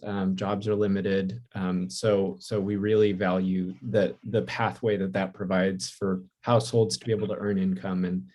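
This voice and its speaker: A man with a somewhat low voice hosts a webinar over a video call. He speaks in a polite, measured way as he thanks each speaker and brings on the next one. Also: darkish tone. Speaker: webinar moderator. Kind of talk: hosting a webinar.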